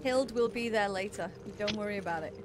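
A woman's voice: medium pitch, a little fast, background noise. A woman streaming a game live, chatting and thanking viewers, shrieking when scared. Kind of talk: live gameplay chat.

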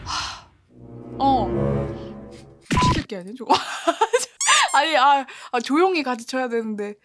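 Brief: chatty woman streamer, high and animated, quick to laugh. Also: loud music behind the voice. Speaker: virtual streamer. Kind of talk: casual live-stream chat.

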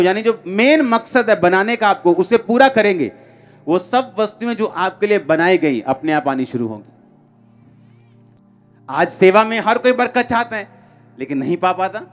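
A man, his voice sitting notably high. He keeps putting rhetorical questions to the crowd in a big outdoor tent. He speaks into a handheld microphone, with faint music underneath. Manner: emphatic preaching with frequent rhetorical questions to the crowd. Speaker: pastor. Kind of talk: sermon. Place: large decorated outdoor tent before a crowd.

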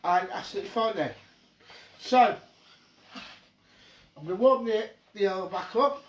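A man with a high voice speaks at a measured pace while hosting a casual home cooking show at his stove. He chats to viewers, keeps saying "guys," and has working class speech. The home kitchen is noisy, with frying and sizzling sounds.

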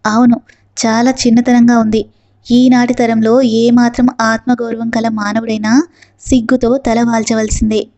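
A woman's voice: a little high, little pitch movement, a little mellow, lightly acted. A grave young man, read by a woman. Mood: earnest. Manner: slow, measured, earnest. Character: grave, serious young man, calm and earnest.

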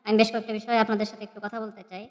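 Male caller, disguised voice with cathedral echo; fast, halting delivery, slightly high pitch. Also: completely flat delivery. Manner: hesitant, many fillers and restarts. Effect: voice disguiser with heavy cathedral echo. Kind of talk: live call-in debate. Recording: cathedral echo, distant call audio.

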